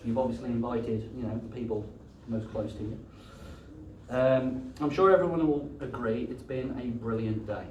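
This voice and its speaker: A man's voice: mid-range voice, normal speed, a little mellow. A British man giving a joking best man's speech at a wedding reception, partly reading aloud. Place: wedding reception before guests. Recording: echoey, distant, noisy event room recording.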